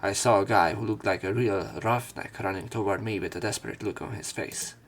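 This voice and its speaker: Over game music, a man reads a visual novel aloud as a let's play, breaking off for casual, irreverent commentary with some swearing. His voice is lowish and creaky, moving a little fast.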